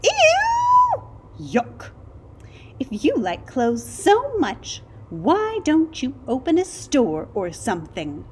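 A woman voicing shrill sarcastic naked mole rats. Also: big pitch swings, slow, darkish tone, slight background noise, heavily acted. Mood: scornful. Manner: shrill, scornful. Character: disgusted sarcastic naked mole rat crowd.

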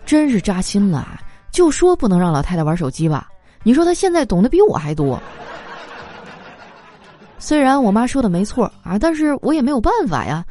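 A woman telling comic stories in a lively, animated way, laughing through her punchlines. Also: mid-range voice, brisk, a little hiss or hum. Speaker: comedy monologue performer. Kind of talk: stand-up style comic storytelling.

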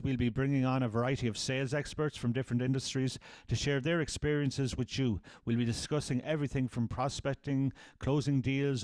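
A man's voice: medium pitch, darkish tone, clean tone, no echo. A middle-aged man with an Irish accent, hosting a podcast in a conversational style. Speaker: podcast host, sales trainer.

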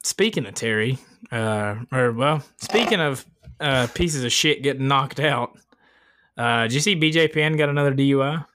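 A man with a middle-pitched voice co-hosts a podcast. He talks in loose, slangy banter and swears freely. His delivery is jokey and informal. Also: moderate pace, fairly bright tone. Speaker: podcast co-host. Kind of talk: casual, profane banter.

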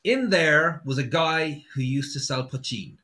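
A man's voice: fairly high pitch, animated, unhurried, bright, forceful tone. A man with a west of Ireland accent from Sligo, chatting casually and telling anecdotes as an interviewed musician.

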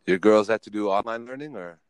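A man in his forties with a fairly low voice, chatting on a podcast in a loose, teasing way and laughing often. There is a faint hiss of noise behind him. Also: low-quality recording. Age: 40s. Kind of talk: casual chat.

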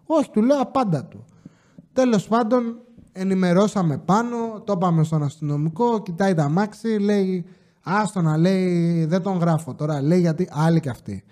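A man's voice: high voice, warm tone. A man casually telling stories from his security job, swearing freely and acting out the people he quotes with exasperation. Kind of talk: casual storytelling monologue.

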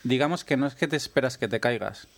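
Podcast host, male, mid-pitched, easygoing conversational lead. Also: quick pace, creaky. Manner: conversational, leads the segments. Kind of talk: casual chat.

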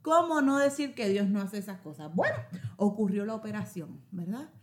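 A woman telling a heartfelt, devout story as a podcast guest, lively and emotional. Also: mid-range voice, normal speed, noisy background. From Puerto Rico. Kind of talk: casual heartfelt testimony.

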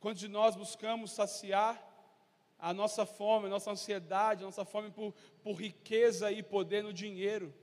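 A man preaches with fervent conviction, pressing the congregation with question after question. His voice sits high, and the sound carries a long reverb from a church hall. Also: flat delivery, moderate pace. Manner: impassioned, rhetorical questions, acts out crowd voices. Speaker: pastor. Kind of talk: sermon.

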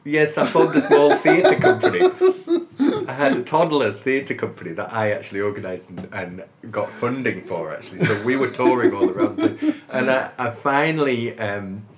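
A man in his fifties from northern England, a musician chatting as a guest in a relaxed, rambling, good-humoured way, often laughing as he talks. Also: mid-range voice, normal speed, background noise. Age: 50s. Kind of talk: casual interview chat.

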